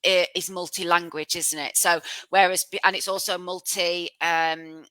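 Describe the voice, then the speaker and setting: A woman's voice: fairly low pitch, little pitch movement, normal speed, sharp tone, clear, resonant tone, no echo. A woman hosting a podcast in a chatty presenting style, explaining things conversationally and checking in with tag questions. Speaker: podcast host.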